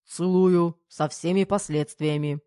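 Woman playing a cocky young army major, loud crisp replies, low, dark, dry recording. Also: little pitch movement, normal speed, no room sound, natural voice. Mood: brash military. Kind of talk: audiobook character voice.

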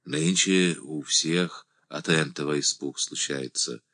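A man voicing a grumbling, superstitious old village woman healer with a hoarse, low voice and folksy dialect words. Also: slow pace, pushed and bright, full character voice.

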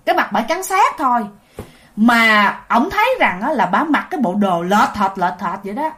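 Speaking straight to her audience, this Southern Vietnamese-accented woman spins a ghost story in a relaxed, lively way. She talks at a moderate pace in a fairly high pitch.

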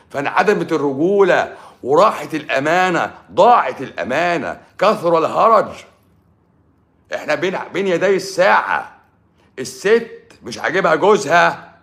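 Egyptian accent, male, livestream lecture, preachy and emphatic, lively pitch. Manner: preachy, emphatic, swings between loud and hushed. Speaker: doctor giving advice. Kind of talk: live-stream monologue.

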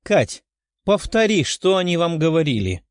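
Composed young woman, sweet and calm, voiced by a man, lively pitch, dry. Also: normal speed, no room sound.

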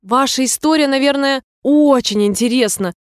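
Storybook cast: a polite, eager young girl, put on by a woman, high and sweet. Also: lively intonation, moderate pace, dry recording, studio quality, close to an everyday voice. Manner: polite, earnest.

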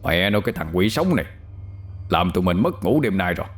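A man's voice: on the low side, normal speed, faint music behind, close to an everyday voice. A man voicing a burly, brutal male prison guard who snarls threats. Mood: gruff menace.

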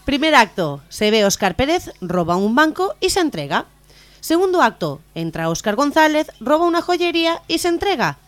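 A woman's voice: sits high, sing-song, moderate pace. A young woman co-hosting a community radio humor show, telling jokes and laughing along.

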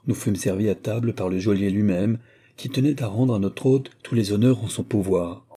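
A man reading a classic novel aloud in a steady, formal audiobook narration. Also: on the low side, moderate pace, slightly rough. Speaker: audiobook reader.

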